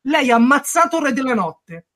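High-voiced man arguing animatedly. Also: fairly quick. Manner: animated, argumentative, swears. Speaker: podcast co-host. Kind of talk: heated casual discussion.

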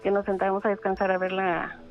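A middle-aged woman, calling in to tell a ghost story in a halting way with many fillers, over a phone line. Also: medium pitch, monotone, faint music behind. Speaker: caller telling a ghost story.

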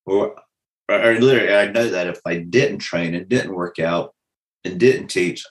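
A man in his fifties, a guest instructor, telling stories in a lively, casual way and restarting words as he goes. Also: sits low, moderate pace. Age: 50s. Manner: animated storytelling, repeats words as he starts. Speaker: guest, self-defense instructor. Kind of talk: casual conversation.

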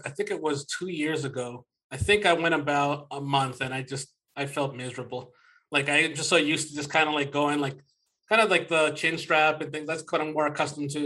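A man moderates a sports podcast in a conversational way. His voice sits a little high and has a bright, forward edge.

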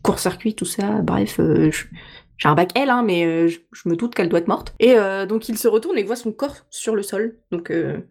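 A woman's voice: medium pitch, normal speed, gravelly, a little mellow. A woman co-hosting a casual, comic chat, with playful, mocking interjections. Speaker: co-host of a film discussion.

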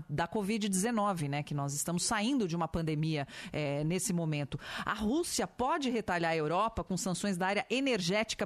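A woman with a Brazilian accent co-hosting live radio news and putting questions in an interview. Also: medium pitch.

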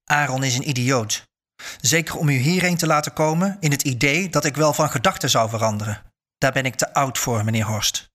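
A man reads a story aloud at a brisk pace with light acting, voicing a sharp, proud old woman who owns a house. When she is angered, she turns curt and shrill.

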